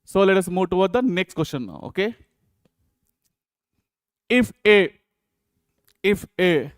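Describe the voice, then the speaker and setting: A high-pitched, smooth male voice with an Indian accent delivers a physics lecture on a dry recording with clean studio sound. He takes exam problems one step at a time and often asks students repetitive check-in questions.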